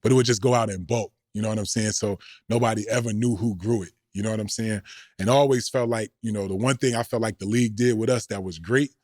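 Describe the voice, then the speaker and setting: A man's voice: fairly low pitch, steady tone, fast talker, a little mellow, no echo, clean studio sound. A middle-aged man, a former pro basketball player, telling slangy, rambling stories as a podcast guest. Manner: laid-back, slangy, rambling. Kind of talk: casual storytelling.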